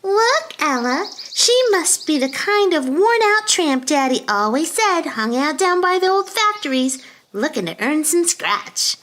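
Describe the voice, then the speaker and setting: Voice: high voice, big pitch swings, unhurried, sharp tone, a little hiss or hum, exaggerated voice. A performer voicing a sweet but violently bratty little girl in a comic audio drama.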